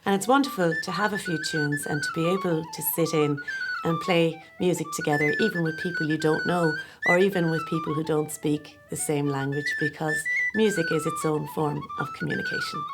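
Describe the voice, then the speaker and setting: A woman in her forties with a Kerry Irish accent, giving a gentle, encouraging, step-by-step tin whistle lesson. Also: sits low, wildly swooping pitch, a little fast, over loud music. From Ireland (West Kerry).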